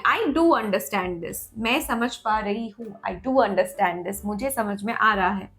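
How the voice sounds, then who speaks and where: A woman teaching English grammar, saying example sentences slowly and then explaining each one. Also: high-pitched. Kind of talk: bilingual grammar lesson.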